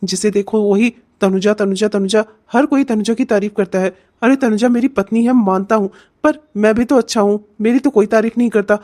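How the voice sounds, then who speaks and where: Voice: medium pitch, brisk, few pauses, a little mellow, close to an everyday voice. कलाकार द्वारा चिढ़ा हुआ जलनखोर पति. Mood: irritated. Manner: irritated, sulky complaining. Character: grumbling jealous young husband. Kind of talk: cartoon voice acting.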